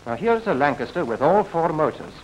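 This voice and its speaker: A man plays a brisk, clipped RAF officer explaining procedure in a 1940s instructional film, sounding assured and instructive. His voice is a little high, with big pitch swings and a fairly quick pace. The film soundtrack is noisy.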